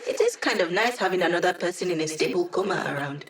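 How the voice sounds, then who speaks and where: A woman's voice: lowish voice, animated, fast, roomy sound, distant mic, close to an everyday voice. Woman acting Hack, cocky young female hacker. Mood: wry, businesslike. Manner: wry, teasing, self-assured. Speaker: video game voice actress. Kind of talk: video game character voice lines.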